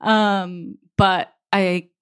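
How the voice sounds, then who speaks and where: A woman's voice: mid-range voice, flat delivery, very slow, clear, resonant tone, dry recording. A woman chats easily on a podcast, dropping filler words and laughing often. Her voice sits mid-range. The sound is dry and close with no room in it. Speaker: podcast guest, software developer. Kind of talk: casual podcast chat.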